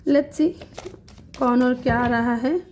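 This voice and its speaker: High-voiced woman giving a tarot reading. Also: steady tone, slow pace, a little mellow, a little hiss or hum. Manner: reassuring, repeats short check-ins to the viewer; mixes English words into Hindi speech. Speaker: tarot reader. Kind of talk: tarot reading addressed to viewers.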